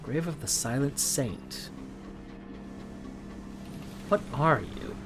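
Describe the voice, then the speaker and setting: Over music, a male streamer speaks extremely slowly in an expressive, medium-pitched voice. It's let's play commentary of a space exploration game, full of hums, thinking out loud, and readings of the game's text. A little strain shows as his voice gives out.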